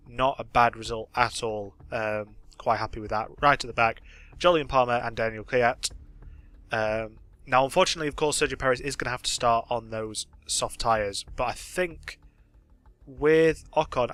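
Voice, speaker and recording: A man's voice: mid-range voice, pushed and bright. A young man casually commenting on a racing management game, chatty and thinking aloud with plenty of fillers. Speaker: gaming channel host.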